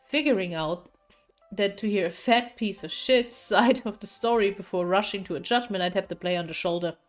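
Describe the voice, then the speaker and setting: A woman's voice: mid-range voice, moderate pace, faint music behind. A young woman streamer reading a visual novel aloud, playful and chatty, laughing often.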